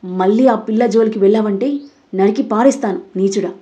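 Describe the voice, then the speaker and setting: A woman's voice: medium pitch, brisk, natural voice. A woman voicing a stern, scolding father in a Telugu audio story. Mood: furious. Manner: scolding, loud and angry. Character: furious stern father of the household.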